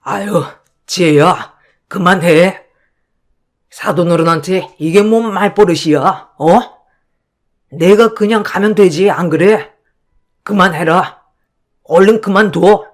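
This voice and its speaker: A humble older father, voiced by a woman in a radio drama, soft-spoken and apologetic as he tries to calm everyone down. He speaks slowly and in a lower register than the other figures. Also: lightly acted. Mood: placating.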